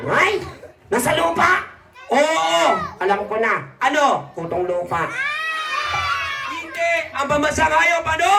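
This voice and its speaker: A man hosting a live children's puppet show at a birthday party, excitable, scolding and laughing a lot. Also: high voice, recorded from a distance, background noise. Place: birthday party in a large hall. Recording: echoey hall from afar with music.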